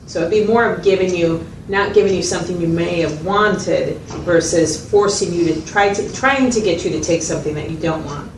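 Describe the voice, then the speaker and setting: In a role-played one-to-one consultation, a woman plays a patient, methodical mental health facilitator who explains things step by step and checks understanding. Her natural-sounding voice is lowish, moderately paced, with hardly any pauses. The mic is distant, and the room sounds noisy and roomy.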